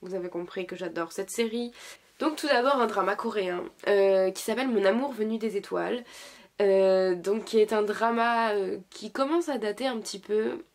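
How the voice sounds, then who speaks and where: Young woman chatting, sick, kinda gravelly fry in her voice, lots of ums and restarts. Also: medium pitch, normal speed, darkish tone. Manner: hesitant, many fillers and restarts. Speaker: YouTuber reviewing dramas. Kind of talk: casual chat.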